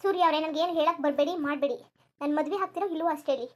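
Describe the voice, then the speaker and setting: A woman's voice: sits high, racing, lightly acted. A woman voicing a lovesick, clingy young woman in a cartoon, pleading and repeating herself insistently. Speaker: cartoon character. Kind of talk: Kannada cartoon voice acting.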